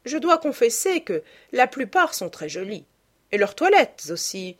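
A woman voicing an effusive high-society old duchess, exclaiming and gushing. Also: sing-song, unhurried.

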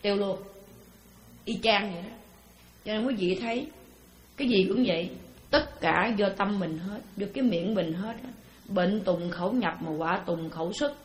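A woman's voice: medium pitch, normal speed, long pauses, slight background noise. Woman giving a dharma talk. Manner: conversational, full of rhetorical questions. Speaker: Buddhist dharma teacher. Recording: roomy echo.

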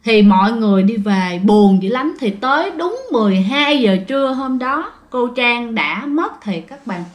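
A woman's voice: on the high side, animated, a little slow. A woman telling a ghost story in a chatty way, addressing her listeners directly.

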